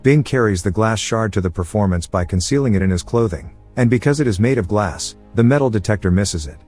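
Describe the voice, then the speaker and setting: A man tells a film's story in scripted recap narration. His voice sits low and his delivery stays even and measured. Soft music plays faintly behind him.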